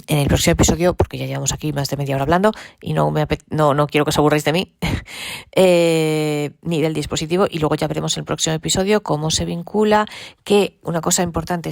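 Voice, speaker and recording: A woman with a Spain Spanish accent talks her listeners through a device in a relaxed, rambling way, full of fillers and repeated points. Her voice sits low and has a gravelly fry. She is recorded close to a dry mic. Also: brisk, no echo. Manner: chatty, repeats herself with many fillers. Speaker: podcast host. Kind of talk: casual device demonstration.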